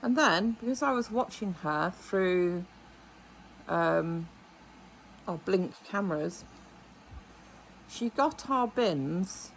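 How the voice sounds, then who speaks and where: A woman's voice: fairly low pitch, lively intonation, slow, pauses often, slight background noise, rough recording. A middle-aged woman from England telling a story in a rambling, indignant way to her vlog audience. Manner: rambling, indignant, with many asides and quoted dialogue. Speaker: vlogger. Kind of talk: casual storytelling monologue.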